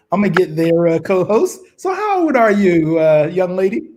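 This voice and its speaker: A man's voice: sits high, big pitch swings, moderate pace, darkish tone. A man co-hosting a virtual reading event, heard over a crackly, staticky call line, encouraging a child guest. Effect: crackly, staticky phone-like line. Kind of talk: casual online event hosting.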